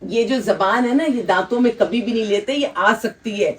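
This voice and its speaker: A woman with a fairly high-pitched voice, speaking at a normal speed, hosts a children's shelter event. In casual talk before the gathering, she teases and coaxes the children and leads their applause.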